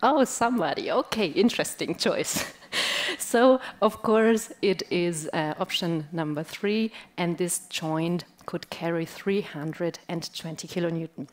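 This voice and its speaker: Slow, giggly woman presenter. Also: on the low side. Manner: laughs often while quizzing the audience. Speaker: conference presenter. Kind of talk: conference talk with audience quiz.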